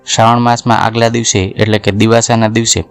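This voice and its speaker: A man narrating a devotional story in a calm, steady reading voice. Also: fairly low pitch, brisk, clean tone, faint music behind.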